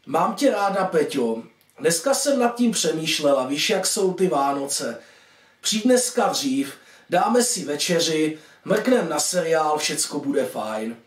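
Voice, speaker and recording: A man voicing a warm, doting middle-aged mother who fusses over her son on the phone. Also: on the high side, lively intonation, lightly acted. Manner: fussing, affectionate. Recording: echoey room, distant mic.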